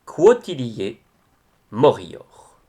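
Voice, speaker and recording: The clip features a man reciting prayerful poetry at a medium pitch, grave in style, with expressive, deliberate phrasing and pauses.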